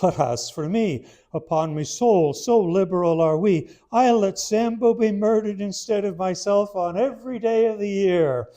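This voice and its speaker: A man reading verse aloud in the voice of a boisterous Irish immigrant soldier, with a put-on Irish brogue and a loud, rollicking ballad delivery. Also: sits high, a little slow, few pauses, pitched above the performer's own voice.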